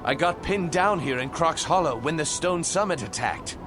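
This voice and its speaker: A man's voice: fairly high pitch, lively intonation, normal speed, close to an everyday voice. A man playing a proud, defiant human prince, speaking in an earnest, noble, declamatory way in a video game cutscene. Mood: friendly, resolute. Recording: loud music behind. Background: loud music.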